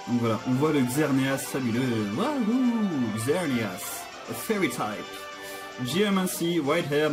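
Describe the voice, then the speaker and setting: A man giving let's play commentary, nervous and jokey, often restarting his sentences. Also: medium pitch. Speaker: gaming channel host.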